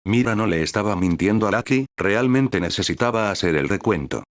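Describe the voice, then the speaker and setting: A man narrating a novel audiobook in an even, synthetic-sounding read. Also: fairly low pitch, a little fast, no room sound, clean studio sound.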